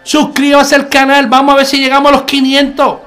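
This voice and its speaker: Man, very high voice, earnest preacher, conversational sermon, repeats phrases, faint background music. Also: completely flat delivery, fairly quick, fairly bright tone. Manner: earnest, repeats key phrases, addresses listener as brother. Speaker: Messianic preacher.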